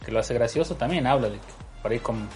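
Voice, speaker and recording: A man in a casual chat, talking with many pauses and restarts. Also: medium pitch, darkish tone, soft background music. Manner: hesitant, many restarts and fillers.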